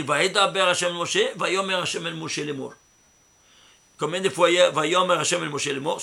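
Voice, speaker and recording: A man's voice: on the high side, vocal fry, slightly rough. A man, a rabbi, giving a Torah commentary, emphatic and often asking his listeners rhetorical questions. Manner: emphatic, stresses words loudly. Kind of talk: Torah commentary with number interpretation.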